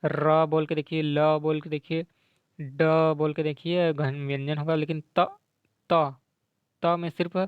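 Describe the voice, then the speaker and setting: Slow, patient grammar teacher, man. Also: fairly high pitch, clear, resonant tone, dry recording, muffled recording. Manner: slow, repetitive, checks in with "है ना?"; mixes English words into Hindi explanation. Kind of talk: explaining quiz answers to students.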